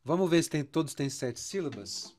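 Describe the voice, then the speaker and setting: Brazilian man, fairly high voice, music teacher, drawn-out syllable counting, guitar faint behind. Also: animated, a little mellow. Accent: Brazilian Portuguese. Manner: slow, counts syllables aloud, stretches words. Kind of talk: songwriting lesson.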